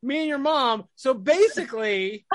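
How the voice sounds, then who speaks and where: A woman's voice: high voice, lively intonation, unhurried, crowd noise. An American woman hosting a casual chat, telling stories with self-mocking humor. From United States. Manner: chatty, self-mocking storyteller.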